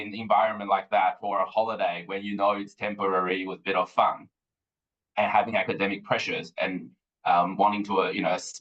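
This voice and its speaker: The lo-fi clip features a lowish, somewhat bright male voice: a guest educator from Taiwan in his thirties being interviewed on a podcast. His speech is thoughtful and measured, peppered with ums.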